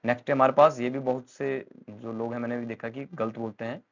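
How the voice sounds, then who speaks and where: A man's voice: medium pitch, flat delivery, brisk, muffled recording. A man with an Indian accent teaching English pronunciation, talking patiently and repeating words with frequent fillers. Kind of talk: explanatory lesson in Hindi mixed with English.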